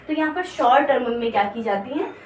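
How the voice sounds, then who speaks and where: A woman's voice: sits high, lively intonation. Woman teacher, patient and repetitive, recorded off-mic in a roomy space with faint background noise. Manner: explains slowly, repeating words and checking understanding with "theek hai". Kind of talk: exam-prep lesson in mixed Hindi and English. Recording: echoey room, voice from a distance.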